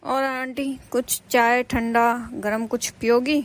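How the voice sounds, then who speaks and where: A woman's voice: on the high side, level tone, slow pace. A woman voicing a brash young daughter-in-law in a cartoon, lecturing and defiant. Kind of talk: animated cartoon voice acting.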